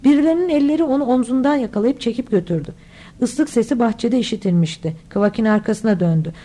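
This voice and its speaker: Narrating an audiobook, a woman speaks fast in a mellow, warm voice pitched a little high for a woman. Her reading is steady, and she dips lower when doing the characters.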